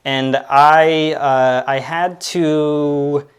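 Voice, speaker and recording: A man's voice: a little high, fairly even intonation, very slow, smooth. A man in his late twenties hosting his own pop culture podcast, talking casually and rambling with lots of fillers and restarts. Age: 20s. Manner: rambling, filler-heavy, self-deprecating. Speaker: podcast host. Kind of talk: casual solo commentary.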